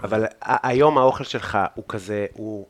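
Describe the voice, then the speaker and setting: A man with an Israeli accent, a podcast host, chatting and telling anecdotes in an informal, slangy way. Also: lowish voice. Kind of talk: casual chat, anecdotal storytelling.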